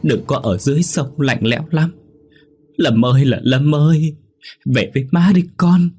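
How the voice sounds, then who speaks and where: A man's voice: sits low, animated, normal speed, husky. A man voicing a grieving mother who wails and pleads for her drowned son, in a spoken ghost story. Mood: wailing grief. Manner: sobbing, pleading cries.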